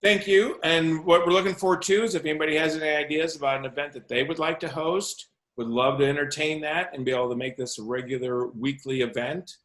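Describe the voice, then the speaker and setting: A man organizing events, making brisk, informal announcements on a video call and thinking aloud about what he still needs to cover. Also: fairly high pitch, fairly even intonation, a bit bright.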